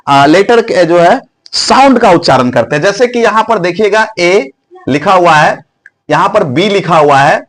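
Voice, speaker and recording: A man teaching English letter sounds in a spoken lesson, asking questions and answering them himself, with frequent fillers. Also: high-pitched.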